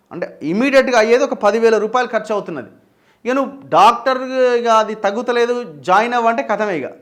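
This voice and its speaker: A man with a Telangana Telugu accent delivers news commentary with a raised, fairly high voice. He sounds urgent and critical, piling up lists of items and pressing sharp questions as a journalist hosting his own channel.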